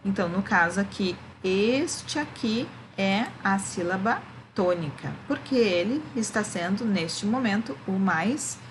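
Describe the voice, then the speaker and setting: A woman's voice: medium pitch, expressive, a little slow, hardly any pauses, slight background noise, rough recording. A woman, a primary school teacher, gives a remote lesson to children, explaining patiently and often checking that they follow.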